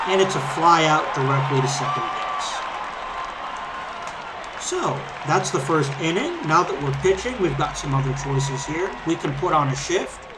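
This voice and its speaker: A man's voice: fairly high pitch, noisy background. A man giving casual, conversational, easygoing commentary as he hosts a let's play of a game. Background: video game crowd ambience and background music.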